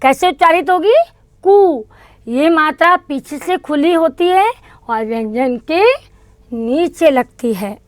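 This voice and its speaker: A woman's voice: high voice, expressive, slow, dry recording. A woman teaching kindergarten children in an online lesson, patiently repeating each sound for them to say back. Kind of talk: online lesson teaching Hindi vowel signs.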